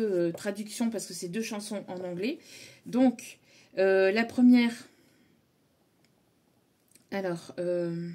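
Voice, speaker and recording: A woman's voice: medium pitch, mellow. A woman with a French accent giving a casual tarot guidance talk, hesitant and full of fillers. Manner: hesitant, many fillers and restarts. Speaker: tarot reader.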